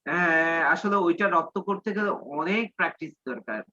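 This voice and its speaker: A male English teacher giving a class lesson, reading English lines slowly and explaining them in Bengali. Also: a little high, expressive, lo-fi sound, crowd noise.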